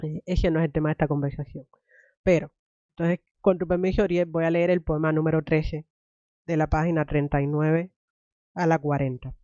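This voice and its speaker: A young woman from Cuba hosts an interview in a thoughtful, unhurried way, full of "eh" fillers and restarts. Her voice is dark and mellow, recorded dry and close. The sound is dull and lo-fi. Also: low voice, flat delivery, no echo. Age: young adult. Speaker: podcast host, academic. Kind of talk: conversational interview, then reading a poem aloud.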